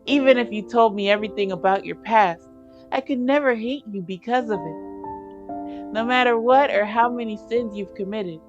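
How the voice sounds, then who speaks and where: A woman's voice: on the high side, moderate pace, dull audio, soft background music, voice pushed up, natural voice. A woman reading the lines of an earnest, devoted young heroine in a story game, in her own tender voice.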